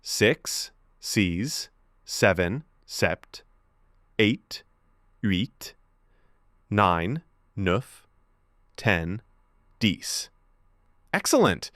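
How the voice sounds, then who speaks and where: A man's voice: fairly low pitch, big pitch swings, extremely slow, long pauses, a bit bright, no room sound, studio quality. A man teaching a beginner French lesson, encouraging and enunciating each word for students to repeat.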